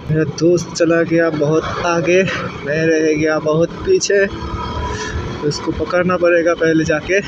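A man's voice: fairly high pitch, flat delivery, takes it slowly. A young man from India chatting casually while riding a motorbike through city streets, rambling with fillers. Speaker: motovlogger. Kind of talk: casual motorcycle vlog narration. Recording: muffled with loud road noise.

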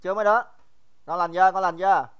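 A man's voice: high voice, steady tone, racing, a bit bright, clean tone. A young man teaching a casual livestream math review, chatty and joking, teasing his students by name and often repeating himself.

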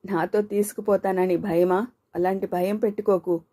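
A woman's voice: mid-range voice, level tone, normal speed, dark tone, lightly acted. A woman voicing Jyothi, a talkative, teasing young woman with a car, in playful banter.

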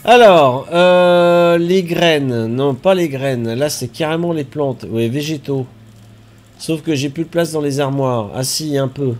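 Slow, congested man streaming a game. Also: on the high side. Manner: relaxed, chatty, thinks aloud and repeats words. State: slightly congested, stuffy nose. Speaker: streamer playing a survival game. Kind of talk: casual live-stream commentary.

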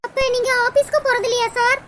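A woman's voice: very high voice, flat delivery, quick pace. A woman voicing a young, lovesick village woman in a cartoon, speaking in a pleading, sorrowful way with a southern Tamil Tirunelveli accent. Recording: loud background noise.

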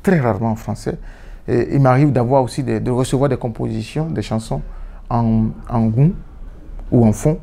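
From a sofa indoors, a Yoruba-speaking musician in his thirties reflects in an interview, repeating words and restarting sentences often. His mid-range voice is creaky and dark, moving at a normal speed.

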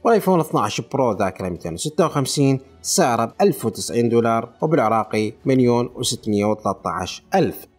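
Man, Iraqi accent, tech channel host, very rapid delivery, husky voice. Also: medium pitch, faint music behind. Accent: Iraqi Arabic. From Iraq. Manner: rapid, listing figures in a steady run. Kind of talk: reading out price lists.

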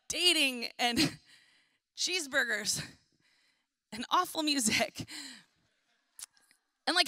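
A young woman preaches with a high, bright voice, loud and energetic, tossing in casual jokes between points. Her voice is recorded close and dry. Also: no echo. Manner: energetic, loud and chatty with playful asides. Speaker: pastor. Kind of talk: sermon. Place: church auditorium.

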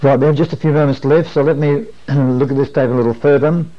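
A man's voice: medium pitch, steady tone. Muffled recording of a man preaching from a podium. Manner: earnest, measured, with rhetorical questions. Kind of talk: sermon as podium speech, teaching at a camp meeting. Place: small wood-panelled room, standing at a desk. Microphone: lapel or pocket-clipped microphone. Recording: muffled lo-fi 1980s videotape.

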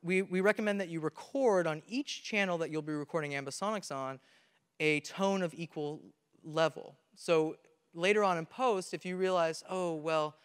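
The young presenter's voice sits on the high side, clear and resonant, at a moderate pace. Holding a handheld mic on a conference stage, he earnestly breaks down technical material step by step, often restarting, and the camera audio picks up the reverberant hall and its audience.

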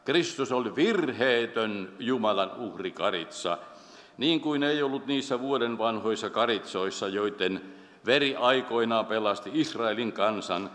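A man preaching a solemn, measured sermon in a church, slowing down when he quotes scripture. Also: lowish voice, expressive, fairly bright tone. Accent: Finnish. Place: church sanctuary. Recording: long church hall reverb.

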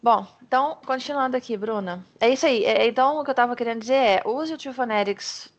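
A Brazilian woman teaching English over a video call, modeling words slowly and encouraging her student. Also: on the high side, lo-fi sound. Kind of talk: online pronunciation lesson in Portuguese.

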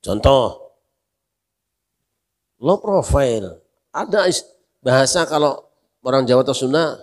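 A man preaching a mosque sermon as a kyai, telling stories lively and acting out the voices in them while joking with the congregation. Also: mid-range voice. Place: mosque hall. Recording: long reverb of a mosque hall.

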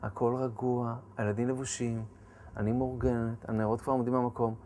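A man quoting a calm, soft-spoken wife. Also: mid-range voice, a little hiss or hum, pitched below the performer's own voice, natural voice. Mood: calm, reassuring. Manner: soft, slow and reassuring. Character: calm organized pregnant wife, woman.

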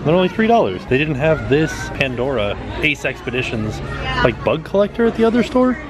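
A man's voice: on the high side, very animated, brisk, crowd noise. A man in his thirties, a vlogger, chatting upbeat about prices while browsing a busy store on a handheld camera. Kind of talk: casual vlog narration. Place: busy outlet store and parking lot.

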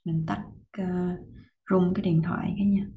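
A woman teaching pronunciation, patiently explaining step by step and slowly repeating words to demonstrate them. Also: lowish voice, flat delivery, creaky, narrow, tinny audio, a little hiss or hum.

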